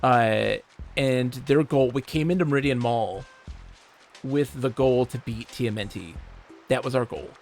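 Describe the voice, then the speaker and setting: A man from Michigan, livestreaming, who tells animated, swear-laced stories and reads chat aloud. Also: mid-range voice, unhurried, faint music behind. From Michigan, USA. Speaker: streamer. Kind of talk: casual storytelling while livestreaming a game.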